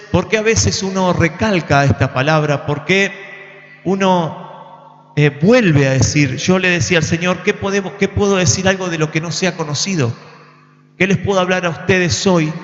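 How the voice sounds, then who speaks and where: A man preaching a sermon, earnestly putting questions to the congregation. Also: high-pitched. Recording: echoey hall, muffled lo-fi sound.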